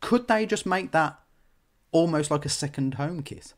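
A man co-hosting a casual podcast chat, telling anecdotes with laughs. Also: moderate pace. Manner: chatty storyteller, laughs, puts on squeaky voices when quoting. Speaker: podcast co-host.

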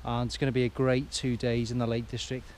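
A man's voice: medium pitch, little pitch movement, fast, darkish tone. A man casually narrating a camping trip outdoors, chatty and jokey, recorded on a camera mic. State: a little out of breath. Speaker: vlogger. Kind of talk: casual outdoor vlog chat. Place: outdoors at a campsite and on a hill walk.

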